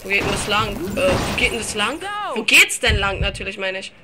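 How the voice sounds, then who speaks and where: A woman's voice: mid-range voice, brisk, heavy background noise. A woman giving casual, chatty gameplay commentary, reading game text aloud, giggling and swearing playfully. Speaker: let's play commentator.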